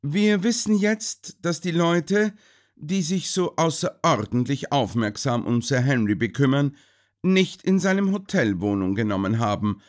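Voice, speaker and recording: A man's voice: a little high, a little slow, pitched above the performer's own voice, lightly acted. A man doing a shrewd thoughtful detective. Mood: explaining.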